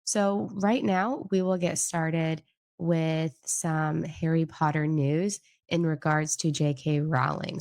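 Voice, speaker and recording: A woman with a low, nasal, gravelly voice, a little mellow, hosts a news recap channel and is getting over a cold. She gives casual commentary while reading an article aloud, rambling and hedging with many fillers. The studio sound is clean, with no room sound.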